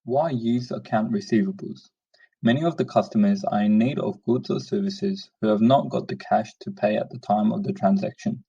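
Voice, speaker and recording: Low gravelly man, lo-fi screen-recording voice-over. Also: normal speed. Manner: steady, plain script reading. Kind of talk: read-aloud screencast narration. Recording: dull lo-fi sound, distant from the mic.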